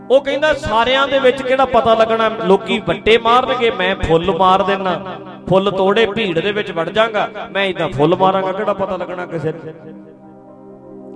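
A man giving a sermon in a storytelling way, now loud and now soft. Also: sits high. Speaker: preacher. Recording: music behind the voice.

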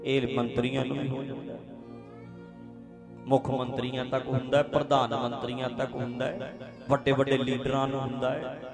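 A man's voice: medium pitch, flat delivery, normal speed. A man preaching a sermon as a story, emphatic and repetitive, often repeating his phrases. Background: music.

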